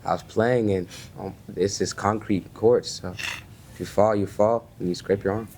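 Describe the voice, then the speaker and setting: A young man from Kenya who plays basketball, answering questions in a soft-spoken, plain way. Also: fairly low pitch, steady tone, moderate pace, a little hiss or hum. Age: young adult. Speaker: student basketball player. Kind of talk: casual interview.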